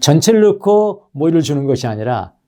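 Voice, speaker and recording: Male pastor, Sunday sermon; mellow, warm voice that swings widely in pitch; talks straight to the pews. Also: fairly quick. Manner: animated preaching, addresses the congregation directly. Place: church sanctuary.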